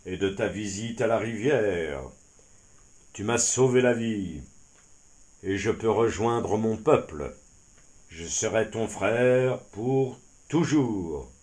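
A huge, wise old bison from a storybook, speaking in a deep, low voice, as a man acts him out. He takes his time, unhurried and solemn, every word calm and weighty. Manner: slow, deep, solemn speech. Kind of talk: storybook character voice.

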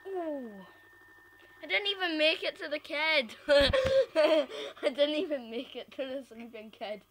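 A woman hosting an amateur horror game video with casual commentary, jumpy and excitable like a scared streamer. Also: sits high, slow pace. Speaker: host of an amateur gaming video. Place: indoors, filming a screen with a handheld camera. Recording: noisy home recording.

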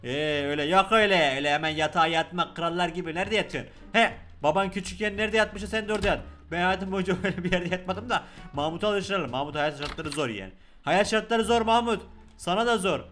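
A young man with a Turkish accent giving joking, excitable let's-play commentary, talking loudly to the game's baby. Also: sits high, fast talker, few pauses, soft background music. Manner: loud, joking, excitable, talks to the game baby. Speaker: gaming YouTuber.

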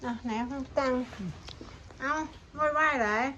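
A woman's voice: a little slow, sharp tone, dull audio, slight background noise. A woman with an Isan Thai accent, chatting casually and coaxing her pets in a sing-song voice. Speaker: pet vlogger.

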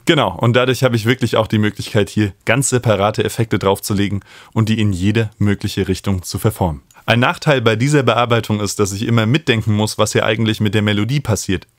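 A music production tutor and host in his thirties speaks briskly with few pauses in a lowish voice, explaining step by step. He is in a small home studio room indoors, recorded close on a stand-mounted studio microphone without echo.

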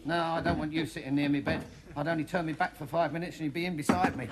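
An actor playing a vindictive corporal laid up in a hospital bed, ordering the orderlies about in a sitcom. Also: male voice, on the high side, steady tone, fast, close to an everyday voice. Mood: smug. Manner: smug, domineering, bossy. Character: bedridden corporal patient, bossy and vindictive. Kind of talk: 1970s sitcom acting. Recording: noisy TV recording with audience laughter.

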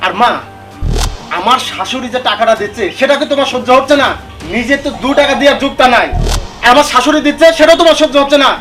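A man's voice: very high voice, fast talker, bright, forceful tone. A man playing a greedy young husband. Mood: irritated. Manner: pleading, irritated. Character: greedy young husband siding with his in-laws. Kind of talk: social drama acting. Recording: music bed behind voice.

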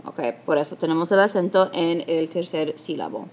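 A woman's voice: sits low, normal speed, darkish tone, a little hiss or hum. A woman teacher narrating a recorded video lesson, patient and step by step, correcting her own slips aloud.

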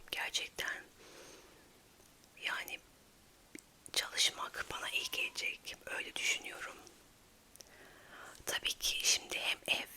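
A woman chats casually in a hushed, quiet late-night ASMR whisper. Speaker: ASMR video creator.

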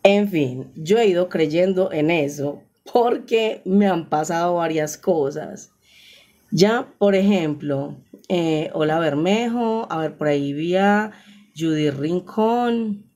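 A young woman with a Paisa Colombian accent chatting casually with viewers on a live stream, exclamatory and quick to laugh, speaking into a phone. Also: fairly low pitch, dark tone. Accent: Paisa Colombian Spanish.

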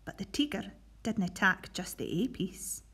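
A woman's voice: medium pitch, expressive, moderate pace, fairly bright tone, slightly rough. A woman with a Scottish accent leading a primary school assembly and reading a storybook aloud in an encouraging way.

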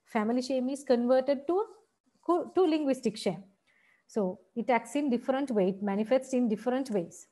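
A woman's voice: a little high, moderate pace, mellow. A woman with a Sri Lankan accent giving a teacher-training seminar, explaining point by point and checking in with "right?". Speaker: seminar lecturer.

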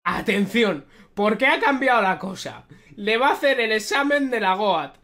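A woman with a Spain Spanish accent giving lively, laughing reaction commentary on a video. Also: medium pitch, moderate pace. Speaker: youtuber reacting.

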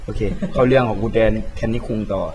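A man's voice: lowish voice, fairly even intonation, fast, dark tone. A young man from Thailand doing casual gameplay commentary, mixing in Isan dialect words, playful and rambling, often correcting himself. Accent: Thai with Isan dialect words. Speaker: game commentator.

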